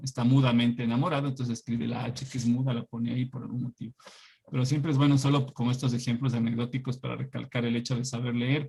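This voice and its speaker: Gravelly middle-aged male teacher. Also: mid-range voice, darkish tone. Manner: anecdotal, chatty, asks "¿no?" often. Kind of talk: online class talk.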